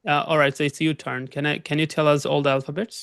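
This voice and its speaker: Bangladeshi guy teaching english online, smooth clear voice, dry sound, flips between bengali and english. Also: fairly high pitch, little pitch movement, takes it slowly, a bit bright, no room sound. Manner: mixes Bengali and English, addresses students directly. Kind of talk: online class lecture. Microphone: video call.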